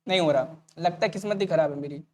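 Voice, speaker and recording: A man with a slightly high voice runs an online exam-prep lecture at a fast clip. Speaking casually and directly to students, he turns each point into a question before answering it himself.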